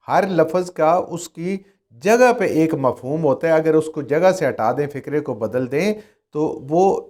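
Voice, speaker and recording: A man's voice: mid-range voice, a little mellow. A man teaching a Quran commentary lesson, reciting Arabic verses and then explaining them, repeating and rephrasing his points.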